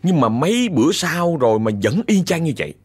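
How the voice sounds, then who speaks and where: A man's voice: fairly high pitch, big pitch swings, fairly quick, a little mellow, slightly rough. A man with a Southern Vietnamese accent telling a ghost story in a chatty way, often speaking straight to his listeners. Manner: chatty, addresses listeners directly. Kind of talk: told horror story.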